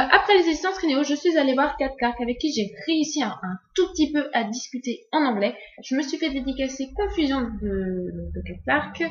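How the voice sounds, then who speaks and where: A woman's voice: on the high side, reverberant, lo-fi sound. A young woman vlogging casually, talking hesitantly with many fillers and restarts. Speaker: book vlogger. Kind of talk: casual vlog chat.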